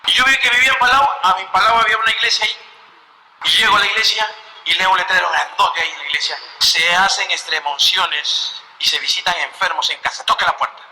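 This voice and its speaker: A man's voice: high voice, steady tone, brisk, pushed and bright, echoey room, slight background noise, rough recording. A man, preaching a personal testimony with emotional storytelling and acted-out prayers. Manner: emotional storytelling, reenacting his own prayers. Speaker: lay preacher.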